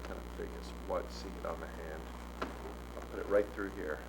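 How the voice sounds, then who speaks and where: A man's voice: sits low, fairly even intonation, normal speed, creaky. Man in casual talk, noisy recording. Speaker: performer being filmed. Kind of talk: casual practical talk with a film crew.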